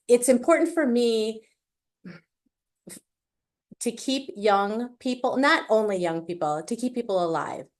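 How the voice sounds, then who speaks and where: A woman from Wisconsin with a Wisconsin accent, speaking as a panelist on a video call in a chatty, self-deprecating way with many fillers. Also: mid-range voice. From Wisconsin, USA. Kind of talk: casual panel remarks over a video call.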